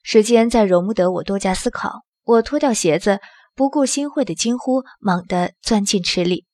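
A woman narrating an audio drama in the first person with a steady storytelling manner. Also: mid-range voice, moderate pace, no room sound, studio quality.

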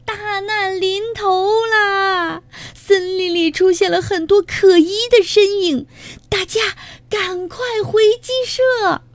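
A woman voicing a panicked old aunt hen in a storybook, wailing in shrill alarm. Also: takes it slowly, hardly any pauses, no echo, heavily acted.

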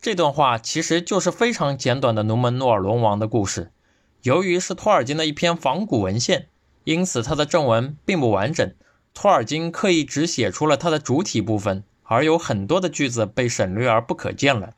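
A man with a mid-range voice gives a scripted podcast lecture. He reads at a steady, measured pace. The studio sound is dry and close, with no room echo. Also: mid-range voice. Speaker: guest podcast presenter.

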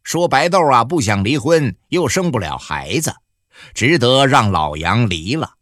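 Animated male audiobook storyteller. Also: medium pitch, unhurried, no room sound, studio quality. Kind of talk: audiobook narration.

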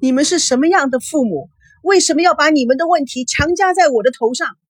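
A woman's voice: expressive, moderate pace, husky, no echo. A woman voicing a hysterical, distraught young woman who screams and sobs at her parents. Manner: shrill screaming, sobbing outbursts.

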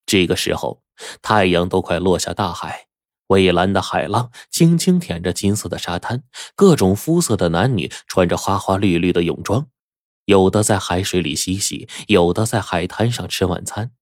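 A male storyteller narrates a serialized tale in a deep, unhurried voice, stretching his phrases with small fillers. The sound is dry and close, with no room behind it. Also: lively intonation, no echo.

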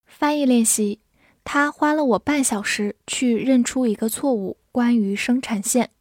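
A woman teaching English vocabulary in a recorded lesson. She speaks slowly and carefully and repeats each word for learners. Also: a little high, a little mellow, no room sound, clean studio sound.

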